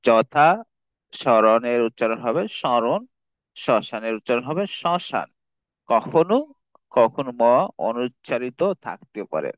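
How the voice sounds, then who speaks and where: Man tutoring, repeating words slowly. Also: medium pitch, expressive, dry recording, highs cut off. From Bangladesh. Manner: reads rules then repeats example words slowly. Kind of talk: classroom grammar lesson.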